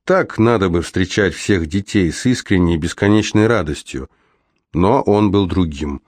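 A man narrating an audiobook in a calm, measured reading, recorded in a studio. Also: low voice, no echo.

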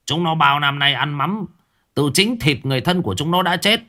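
A man's voice: a little high, animated, brisk, bright, forceful tone, pitched above the performer's own voice. A man voicing a cackling vengeful old sorcerer. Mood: gloating. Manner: gleeful cackling, menacing taunts.

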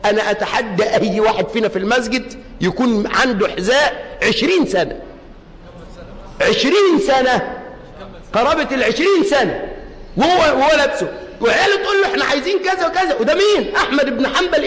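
A man preaching a sermon with an Egyptian accent, telling stories in a hushed voice and then shouting his exhortations. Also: extremely high pitch, animated, quick pace. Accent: Egyptian Arabic. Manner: impassioned, swings between hushed storytelling and shouted exhortation. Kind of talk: sermon storytelling. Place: mosque. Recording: echoey hall reverb.

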